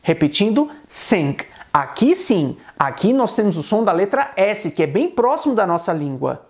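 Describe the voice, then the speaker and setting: Lively man teaching English pronunciation. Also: high voice. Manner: explanatory, repeats example words slowly and clearly. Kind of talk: online pronunciation lesson.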